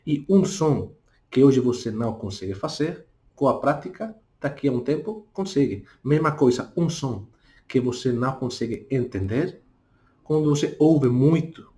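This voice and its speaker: A man speaking with a Spanish accent, a native Spanish speaker who gives a casual spoken lesson, talking slowly and tagging his points with little questions. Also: mid-range voice, animated, dark tone. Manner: talks deliberately slowly, tags questions with "não?". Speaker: language teacher.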